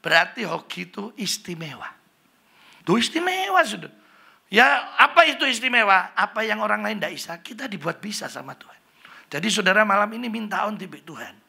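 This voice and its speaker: A man's voice: high-pitched, big pitch swings, a little fast, vocal fry, pushed and bright, breathy edge. A middle-aged man preaching a humorous sermon in a church, chatty and joking. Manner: chatty, joking, slips into Javanese, mimics Chinese greetings. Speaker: pastor. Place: church hall.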